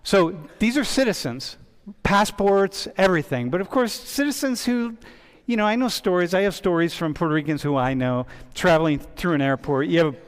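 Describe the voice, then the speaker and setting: A man's voice: high-pitched, lively intonation, normal speed, few pauses, smooth. Man, university professor, casual lecture, chatty, self-interrupting, echoey lecture hall. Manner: chatty, interrupts himself often. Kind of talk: casual classroom discussion. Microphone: wireless mic.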